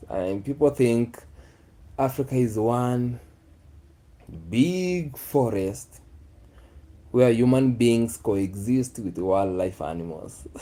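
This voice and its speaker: A man's voice: medium pitch, warm tone. A man, chatting casually with his viewers in a musing way, often repeating his phrases. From Kenya. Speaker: vlogger. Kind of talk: casual live chat with viewers.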